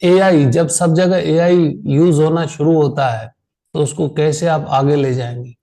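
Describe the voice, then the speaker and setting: Indian man, tired trainer on an online call, slow and emphatic, repeats phrases, fairly high voice. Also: fairly even intonation, warm tone, rough recording. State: tired after a long meeting. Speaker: insurance sales trainer.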